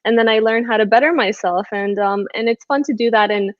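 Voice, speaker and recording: A woman's voice: fairly high pitch, a little fast, no room sound, dull audio. A woman guest chatting casually on a video call, giggling often and filling her talk with ums, her voice still in its morning state. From born and raised in the West. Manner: giggly, chatty, many fillers. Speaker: musical guest.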